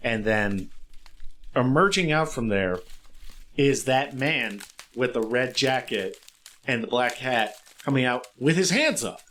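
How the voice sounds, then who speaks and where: A man's voice: medium pitch, measured pace. Man narrating a tabletop game. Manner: calm, descriptive storytelling. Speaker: game master.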